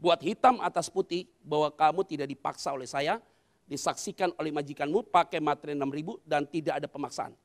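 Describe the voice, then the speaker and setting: A man's voice: a little high, fairly quick. A male pastor preaching a sermon. He tells a story, acts out the dialogue and calls on the congregation to respond.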